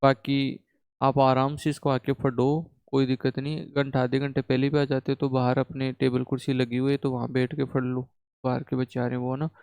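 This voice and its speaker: Young guy teaching math to a class, clear voice, keeps asking "theek hai?". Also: medium pitch, a little fast, dry recording. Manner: animated, repeats "ठीक है?" to check the class. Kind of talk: classroom lecture. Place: classroom with students.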